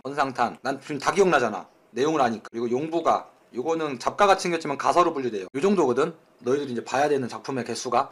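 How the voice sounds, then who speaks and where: A man giving an exam-prep lecture as a tutor. He talks bluntly, jokes with crude slang, and acts out retellings in quick voices. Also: sits high. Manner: animated retellings with acted voices. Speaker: Korean-language exam tutor.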